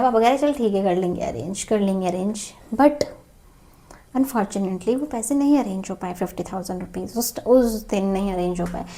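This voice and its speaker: A woman in her twenties with a mid-range, dark-toned voice tells a personal story in a candid, emotional vlog. She rambles and restarts many times.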